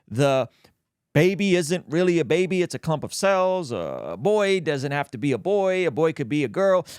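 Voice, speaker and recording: Animated man with a lively, swooping delivery. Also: on the high side, no room sound, studio quality. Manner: colloquial, emphatic, opinionated. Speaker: host of a reaction show. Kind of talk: casual video commentary with Bible reading.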